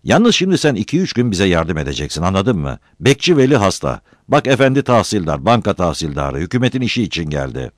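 A man's voice: sits low, sing-song, quick pace, hardly any pauses, no echo, studio quality, voice pushed up. A man voicing a self-important village headman who talks down and gives orders. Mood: bossy. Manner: bossy, patronizing.

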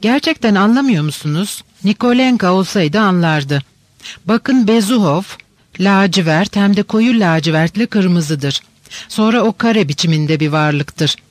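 A man reading the part of a lively, stubborn teenage girl in an audiobook, teasing and insistent. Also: high voice, measured pace, no room sound. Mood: eager.

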